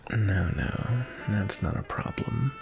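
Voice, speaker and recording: Sebastian, a deep, gravelly vampire acted by a man. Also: wildly swooping pitch, over music, full character voice. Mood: calm, reassuring. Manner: polite, unhurried, flirtatious. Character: suave, courteous, centuries-old male vampire on a date. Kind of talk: ASMR roleplay, intimate and softly spoken.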